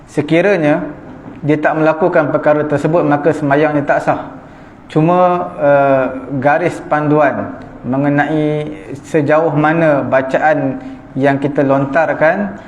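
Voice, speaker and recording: Male Malaysian religious teacher, slightly high and flat voice, measured lecture pace, faint ambience in a roomy prayer hall. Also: slight background noise. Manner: measured teaching with frequent fillers and check-ins. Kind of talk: evening mosque lecture. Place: prayer hall of a small mosque.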